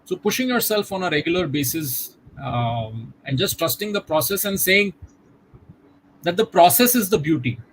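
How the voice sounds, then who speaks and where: A middle-aged man with a somewhat raised voice talks things through in a reflective, measured way over a video call. He often drops in "you know" as he goes, and a faint hiss runs underneath. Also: high-pitched, expressive, poor audio. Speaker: guest. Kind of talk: conversational interview.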